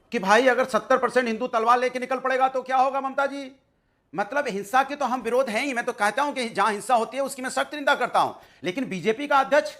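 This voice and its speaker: A man's voice: extremely high pitch, a bit bright. A man arguing as a panelist in a heated TV debate, emphatic and repeating his points. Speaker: political panelist.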